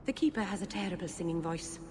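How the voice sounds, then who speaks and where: An actress playing a gentle, earnest young clanswoman far from home in a fantasy video game. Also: lowish voice, lively intonation, quick pace, natural voice. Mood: wistful.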